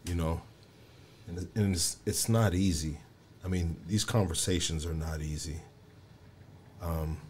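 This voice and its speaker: A man in his forties interviewing casually, halting and leaning on fillers and tag questions. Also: low voice, a little mellow, slight background noise. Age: 40s.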